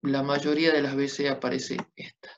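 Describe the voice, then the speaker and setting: A man's voice: medium pitch, flat delivery, normal speed, slight background noise. A man teaching Biblical Hebrew in a class, patiently checking understanding with short tag questions. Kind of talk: classroom lecture at a whiteboard. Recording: dull lo-fi classroom recording.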